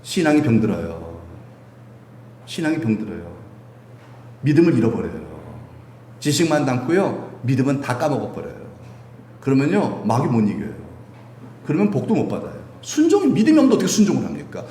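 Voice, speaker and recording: A man preaches a sermon with a very animated, widely swinging pitch, tossing questions out to his listeners. His voice rings through an echoey church hall. A faint hum sits in the background. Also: fast. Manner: animated, quizzing the congregation. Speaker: pastor. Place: church sanctuary.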